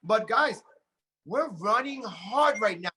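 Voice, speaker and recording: A man in his late forties giving an energetic motivational talk about his business, often repeating words as he builds up steam. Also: high-pitched, slow. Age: 40s. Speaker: network marketing leader.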